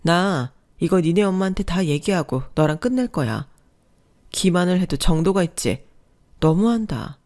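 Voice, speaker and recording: A woman voicing an exasperated young mother who scolds her husband in a sharp, reproachful way. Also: on the low side, lively intonation, moderate pace, close to an everyday voice. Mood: indignant.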